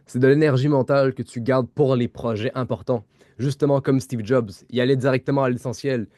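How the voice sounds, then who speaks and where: Man, Québécois accent, podcast co-host, hesitant, warm dark tone, dry sound. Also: medium pitch, steady tone, brisk, dry recording. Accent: Québécois French. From Quebec. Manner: hesitant, restarts words, many fillers. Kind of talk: casual explanatory podcast chat.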